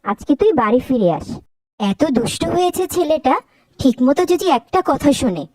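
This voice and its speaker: A scolding cartoon mom. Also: female voice, sits high, animated, normal speed, no echo. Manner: scolding and sharp. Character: stern, quick-tempered mother of a young boy. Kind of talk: cartoon voice acting.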